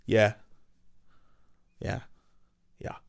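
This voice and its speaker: A man with a London accent talking candidly and casually on a podcast, full of slang and repeated emphasis. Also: very slow. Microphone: podcast microphone.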